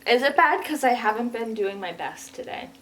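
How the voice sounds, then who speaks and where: A woman's voice: on the high side, lively intonation, moderate pace, fairly bright tone. A young woman chatting and giggling while doing makeup late at night, rambling and tired. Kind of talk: casual chat.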